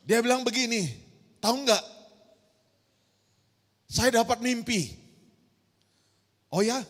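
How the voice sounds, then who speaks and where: A woman's voice: on the high side, slow. A woman pastor preaching an emphatic sermon, firing rhetorical questions at her congregation in a large church hall. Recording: long church-hall reverb.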